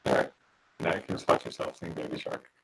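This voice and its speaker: Man instructor, very low gravelly voice, halting casual explainer, noisy robotic-sounding call audio. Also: fairly even intonation, fairly bright tone, distant mic. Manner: halting, restarts mid-sentence. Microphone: video call mic.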